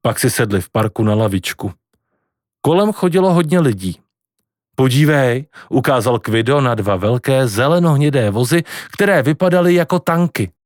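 A man's voice: medium pitch, animated, darkish tone, dry recording, clean studio sound. Man reading a novel chapter aloud. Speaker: narrator. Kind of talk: scripted audiobook narration.

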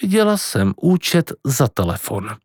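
A man reading an audiobook and voicing a middle-aged mother who speaks calmly and seriously. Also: medium pitch, slightly rough, dry recording, studio quality. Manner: calm, measured, serious.

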